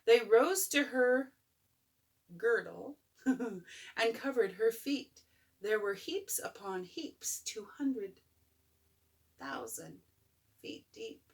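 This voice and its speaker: Unhurried older woman reading a bedtime story. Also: fairly high pitch. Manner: expressive, playful, talking to a child listener. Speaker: grandmother reading a picture book. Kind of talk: bedtime story read-aloud with chatty asides.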